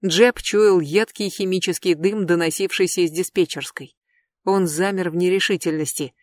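An audiobook narrator reading a tense thriller in a steady, even way. The voice sits at a middle pitch, and the recording is dry and close with no room sound. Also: moderate pace, no echo.

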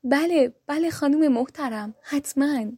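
A woman reading the lines of a poor, humble young shepherd in a storybook, soft and meek. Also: high voice, no echo, clean studio sound, lightly acted.

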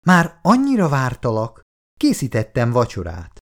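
Man doing a young woman in a storybook, high lilting voice, teasing and pouty, lively swings. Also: full character voice. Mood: affectionate. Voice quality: raised, lilting pitch. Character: young woman, affectionate, easily piqued partner.

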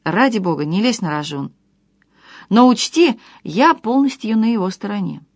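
A woman's voice: expressive, moderate pace, darkish tone, no echo, clean studio sound. Stern old grandmother, read by a woman. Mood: warning. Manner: lowered, cautioning voice.

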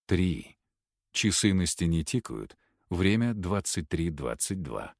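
A man voicing a calm, cold older male professor who hypnotizes a patient with slow, soft instructions. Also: sits low, creaky, no room sound, studio quality, voice pushed down, full character voice. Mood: hypnotic. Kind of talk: audiobook character voice.

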